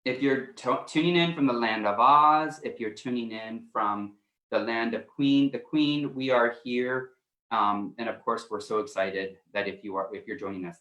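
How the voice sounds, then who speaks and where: A man's voice: lowish voice, bright, forceful tone. A man co-hosting a coaching livestream, chatting casually and rambling with plenty of fillers. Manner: rambling, loose, lots of fillers. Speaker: co-host, life coach. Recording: roomy echo.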